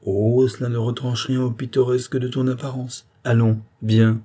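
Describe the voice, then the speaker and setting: A man's voice: mid-range voice, flat delivery, moderate pace, mellow, pitched above the performer's own voice, lightly acted. A man voicing a playful young wife in an audiobook, with teasing commands.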